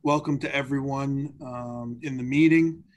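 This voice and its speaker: A man speaking as a panelist in an informal webinar introduction, with a hesitant, halting delivery. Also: medium pitch, steady tone. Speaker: employment lawyer, webinar panelist.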